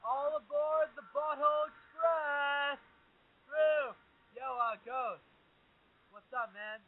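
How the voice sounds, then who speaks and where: A man's voice: extremely high pitch, fairly even intonation, takes it slowly. A man calling in to a radio show as a goofy prank caller, his voice muffled and distant as if through a wall. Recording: tinny phone line.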